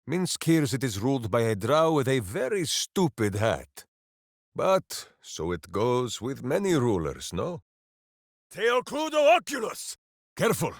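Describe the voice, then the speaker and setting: A boisterous, simple-minded video game ranger with an earnest hero's heart delivers voice lines in grandiose third-person declamation, slow and weighty, his pitch leaping and plunging dramatically. His mood moves from musing to excited in a heavily acted, theatrical performance. The male voice is recorded very dry and close, with no echo or room around it.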